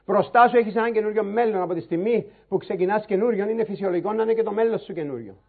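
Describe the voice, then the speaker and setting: A man's voice: high voice, slightly rough. A man preaching a sermon, emphatic and repetitive, firing rhetorical questions at the congregation. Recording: tinny phone-like sound.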